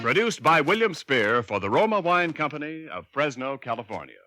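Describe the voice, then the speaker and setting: A man's voice: on the high side, very animated, brisk, very noisy. A male radio announcer in the formal 1940s style, on a vintage broadcast recording.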